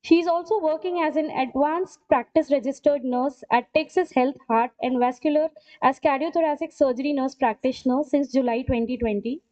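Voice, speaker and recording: A woman's voice: sits high, a little fast, darkish tone, highs cut off. A woman anchoring a conference session, formally reading out a speaker's biography. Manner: formal, reads a biography aloud. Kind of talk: formal scripted introduction. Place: college conference hall.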